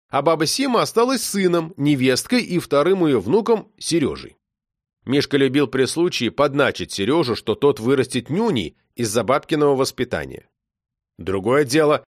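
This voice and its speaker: A man narrating a children's story aloud with expressive delivery. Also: a little high, no room sound, studio quality. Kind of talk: audiobook reading of a children's story.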